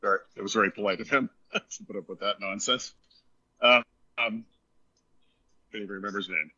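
Joking male co-host, out of breath, husky and bright, on a lo-fi call line. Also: on the low side, steady tone, brisk, no echo. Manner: rambling, joking, laughs often. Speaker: co-host giving a venue tour. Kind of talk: casual chat. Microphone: phone on a spotty connection. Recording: dull lo-fi call audio.

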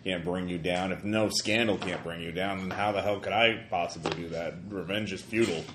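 A man's voice: deep voice, steady tone, fairly quick, fairly bright tone, roomy sound, slight background noise, pitched below the performer's own voice. A man playing a weary, resigned aging man who is tired of questing, in a tabletop roleplaying game.

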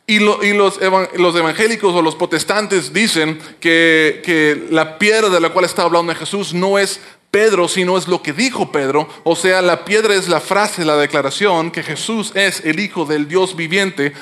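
A man's voice: high-pitched, normal speed, pushed and bright. A man preaching a sermon in a conversational, explanatory way, often restarting his words. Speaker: pastor.

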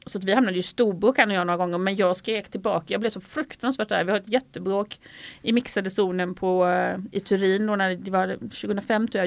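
A woman's voice: mid-range voice, no room sound. A middle-aged woman from Sweden, a sports journalist speaking frankly and animatedly as an interview guest. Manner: forthright and animated, tells anecdotes. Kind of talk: interview conversation.

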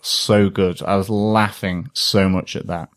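Guy with a lowish voice gushing about a character he loves, casual podcast talk. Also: little pitch movement, unhurried, smooth. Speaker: podcast co-host. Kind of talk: casual film review chat.

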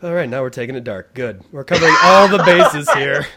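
A man's voice: on the high side, expressive, a little fast, gravelly, heavy background noise. A man hosting a podcast, joking and laughing in casual chat with stammers. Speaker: podcast host.

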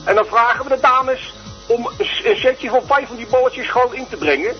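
A man's voice: extremely high pitch, a little fast, soft background music. A man calling in to a radio show over the phone, rambling on in a cheeky, chatty way. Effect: heard over a phone line on the radio. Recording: muffled phone call on air.

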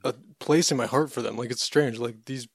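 A man in casual podcast conversation, easygoing and thoughtful, often pausing on fillers as he explains. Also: medium pitch, dry recording, clean studio sound. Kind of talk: casual chat.

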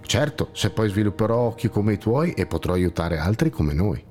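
Guy doing a sad worried blind man in a little story, deep voice that still goes up and down a lot. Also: sing-song, moderate pace, darkish tone. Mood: plaintive. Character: weary, anxious blind man searching for a better place.

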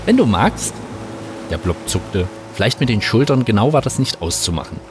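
A man narrating an audiobook in a calm, wry storytelling manner. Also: on the low side, brisk. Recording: narration over music.

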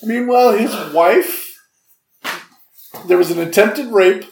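A man's voice: high-pitched, slow pace, vocal fry, a little mellow, echoey room, slight background noise. A man co-hosting a casual film review podcast, making dry, wry remarks. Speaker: podcast co-host.

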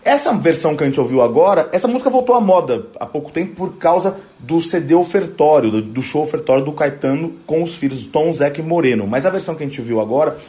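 A man hosting a music program, talking casually about a song just played, halting often with repeated restarts as he looks for words. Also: on the high side, lively intonation, mellow. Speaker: music show host. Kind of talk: casual radio music commentary.

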